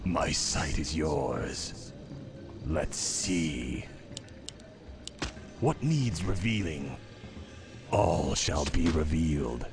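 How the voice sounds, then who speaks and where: An ancient undead minion for a video game, sinister and servile. The delivery is theatrical and ominous, very low and slow with big swoops in pitch, under loud music. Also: male voice, sing-song, full character voice. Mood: ominous devotion. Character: ancient undead servant of a dark lord, sinister, devoted. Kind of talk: video game unit voice lines.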